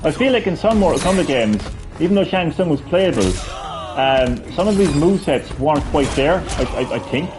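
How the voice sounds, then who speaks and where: A gaming streamer chats casually while playing a fighting game, rambling with plenty of fillers and restarts. His voice is fairly high with lively intonation, and he talks at a normal speed.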